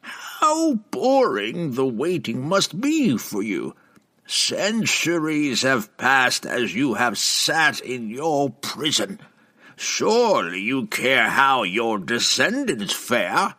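A withered old drow witch, as a male narrator puts her on, cruel and taunting, her voice pitched up high and strained in timbre. She stretches every word out slowly, savouring each mocking line in this audiobook fantasy. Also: wildly swooping pitch, gravelly, a bit bright, no echo, exaggerated voice. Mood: teasing. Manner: slow, mocking, drawn-out teasing. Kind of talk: audiobook character voice.

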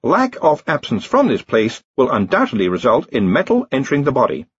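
A man's voice: medium pitch, huge pitch swings, breathy edge, pitched above the performer's own voice. Talking crystal ball, prim and precise , voiced by a man, dull lo-fi sound. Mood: formal. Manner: formal, measured.

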